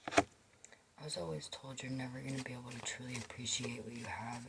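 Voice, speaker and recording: A woman doing a whispered card reading, slow and reflective, giving gentle life advice while chewing gum. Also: very deep voice, fairly even intonation, heavy background noise. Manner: chews gum, blowing bubbles. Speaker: tarot or oracle card reader.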